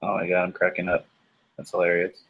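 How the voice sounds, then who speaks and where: Man from New York, very deep voice, flat delivery, laid-back chat, muffled sound. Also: a little fast, husky. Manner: laid-back, stammering restarts. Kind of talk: casual chat.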